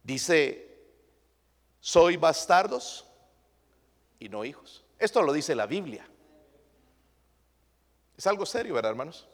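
A man's voice: fairly high pitch, sing-song, takes it slowly, long pauses, in a large hall. A male pastor preaching a sermon emphatically, throwing rhetorical questions at his congregation.

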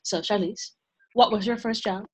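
A woman's voice: mid-range voice, steady tone, normal speed, breathy edge. A woman hosting an interview, giving brief encouraging reactions and asking questions. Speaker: podcast host.

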